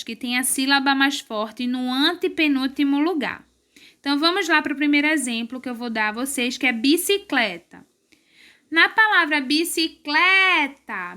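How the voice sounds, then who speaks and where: A woman teacher with a Brazilian Portuguese accent and a high, bright voice guides young pupils through an exercise. She explains patiently, step by step, and draws syllables out slowly whenever she stresses a word. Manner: slow, drawn-out syllables when stressing words. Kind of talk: recorded remote class lesson.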